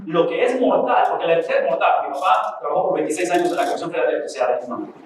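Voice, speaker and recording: A man leads a Bible lesson in a slightly high voice. He talks with animated energy and keeps turning to the class with rhetorical questions. His tone is that of a teacher working through a passage with students. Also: very fast, slight background noise, rough recording.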